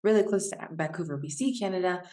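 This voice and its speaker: Upbeat woman host from washington state, kinda low voice, interview chat. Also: fast talker, warm tone. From Washington State, USA. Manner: enthusiastic, upbeat. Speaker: podcast host. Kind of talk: conversational interview hosting.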